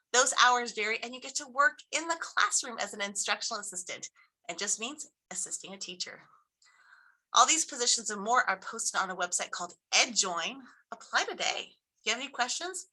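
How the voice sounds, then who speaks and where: A woman's voice: mid-range voice, sharp tone, low-quality recording. A woman school principal giving an upbeat, informative presentation to parents, reading from slides with small restarts.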